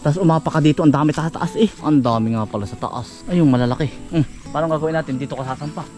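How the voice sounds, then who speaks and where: A man's voice: on the high side, fast, a little mellow, faint music behind. A man vlogging outdoors in rural woodland, chatting casually and coaxing and cautioning someone as he goes. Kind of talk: casual outdoor vlog narration.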